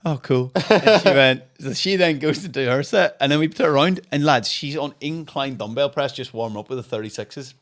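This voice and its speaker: A man's voice: mid-range voice, fairly quick, hardly any pauses, a bit bright. A young man, a podcast co-host, telling a funny story in casual chat with lots of laughing and swearing.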